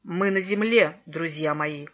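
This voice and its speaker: A kindly old grandfather wizard, as a woman storyteller puts him on, speaking gently and with solemn warmth in a slightly lowered voice. He sounds like a fairy-tale storybook reading, captured on a dull, lo-fi recording. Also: normal speed.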